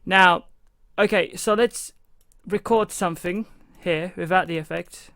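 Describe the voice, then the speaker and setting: His high voice is a little slow, creaky, pushed and bright, captured dry. The man is hosting a relaxed, step-by-step music production tutorial from a home studio through a studio microphone into a recording channel. He rambles through each stage, saying "you know" and "like" a lot.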